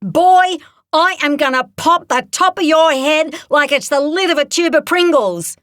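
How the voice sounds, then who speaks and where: A woman's voice: high-pitched, measured pace, fairly bright tone, no echo, clean studio sound, voice pushed up. A woman voicing a brash female police officer who is mocking and threatening. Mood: menacing.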